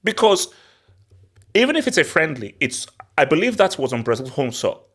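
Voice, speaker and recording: A man's voice: a little high, sing-song, moderate pace, a bit bright. A man hosting a casual, opinionated football talk, speaking emphatically and repeating phrases for effect. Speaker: host of a football hangout.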